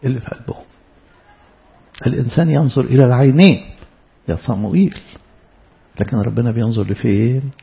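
A man's voice: mid-range voice, brisk, gravelly, long pauses. A man preaching a sermon with an Egyptian accent. He speaks with animation and voices God's words directly to his listeners. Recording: dull lo-fi recording.

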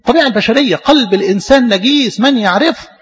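A man's voice: very high-pitched, quick pace, husky, muffled recording. A man with an Egyptian Arabic accent preaching a sermon, asking rhetorical questions and repeating phrases for emphasis.

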